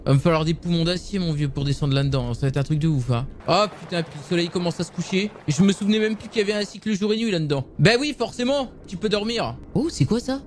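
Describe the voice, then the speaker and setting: A young man casually commenting on a survival game for his viewers, excitable and swearing often. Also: high-pitched, quick pace, few pauses, a little hiss or hum. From France. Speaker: gaming youtuber.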